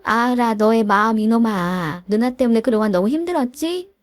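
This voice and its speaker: A woman's voice: on the high side, lively intonation, normal speed, no echo, natural voice. A woman voicing a pushy, presumptuous older sister-in-law who talks down to her family. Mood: bossy.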